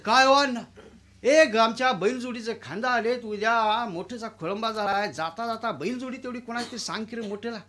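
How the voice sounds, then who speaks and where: Storytelling: a man voicing a shrill, bossy village landlord, mocking tone. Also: moderate pace, fairly bright tone. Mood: scolding.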